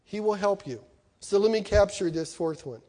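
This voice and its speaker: A middle-aged man preaching an animated sermon to students, swinging from loud to soft and acting out quoted voices. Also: high voice, normal speed.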